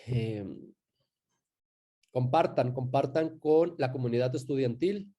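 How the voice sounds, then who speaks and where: Guy running an online class, mellow voice, lots of "eh" and restarts. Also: medium pitch. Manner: relaxed, with frequent fillers and self-corrections. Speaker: online teacher. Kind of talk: live online class session.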